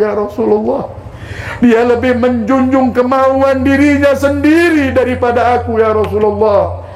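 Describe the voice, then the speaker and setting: A man voicing a grieving elderly mother who refuses to forgive, with pleading, drawn-out cries. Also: very high voice, pitched above the performer's own voice, full character voice, rough recording.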